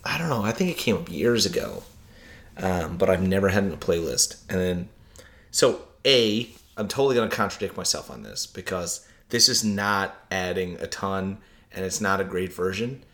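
A man's voice: low voice, lively intonation, normal speed, a bit bright. A man co-hosting a podcast, chatting casually and candidly with a self-mocking, opinionated manner. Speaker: podcast co-host. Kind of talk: casual chat about music.

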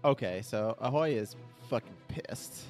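Male player, excitable and expressive, mid-pitched voice, soft music underneath. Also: unhurried. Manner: excitable, exclaims and laughs often. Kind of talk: tabletop game play.

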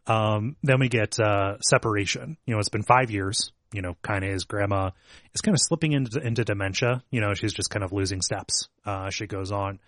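A man's voice: on the low side, moderate pace, fairly bright tone, no room sound, studio quality. A man co-hosting a podcast, recapping a game's plot at length with lots of fillers. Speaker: podcast co-host. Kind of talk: casual chat about a video game.

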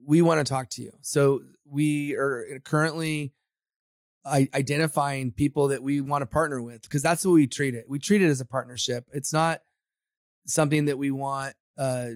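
A man's voice: mid-range voice, fairly even intonation, moderate pace, no echo, clean studio sound. A man from Samoa, a podcast guest and agency founder, speaking confidently and motivationally in a casual interview.

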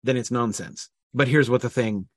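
A man's voice: mid-range voice, moderate pace, no room sound. A man teaching a Bible passage in an informal study talk, thinking aloud with frequent restarts and checks of "right?".

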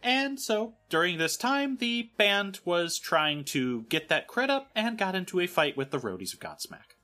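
A woman's voice: fairly low pitch, big pitch swings, moderate pace, sharp tone, soft background music. A woman co-hosting a casual podcast, chatty and self-deprecating. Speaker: podcast co-host.

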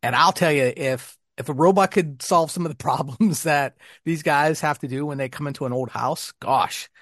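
A man's voice: on the high side, normal speed, a bit bright, no room sound, studio quality. A middle-aged man co-hosting a podcast, chatting casually and rambling with plenty of fillers and restarts. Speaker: podcast co-host. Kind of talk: casual chat.

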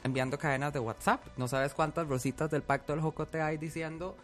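Costa Rican man, sarcastic podcast chatter, slightly raised pitch. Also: steady tone, fairly quick, a bit bright, soft background music. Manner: wry, sarcastic. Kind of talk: casual panel chat.

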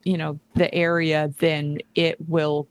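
Low-pitched woman chatting on a podcast. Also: level tone, slow pace, no room sound. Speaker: podcast co-host. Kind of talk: casual chat.

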